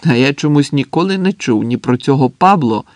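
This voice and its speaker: A man's voice: medium pitch, expressive, a little fast, dry recording, close to an everyday voice. A man voicing an older male soldier in a trench who scolds in a sardonic, mocking way in an audiobook.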